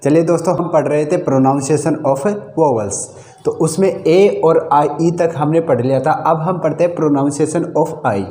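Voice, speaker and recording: A fairly high-voiced man walks learners through English pronunciation. He spells each word out letter by letter and keeps checking in with "okay". His voice is mellow and dark, and it rings in an echoey room. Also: unhurried. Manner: spells words letter by letter, repeats with "thik hai". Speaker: English teacher. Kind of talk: step-by-step pronunciation lesson.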